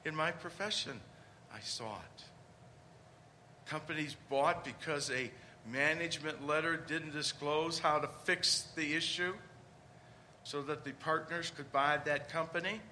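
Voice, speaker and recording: A man's voice: on the high side, steady tone, normal speed, bright, forceful tone, slight background noise. A man preaching a conversational homily, with rhetorical questions and emphatic points.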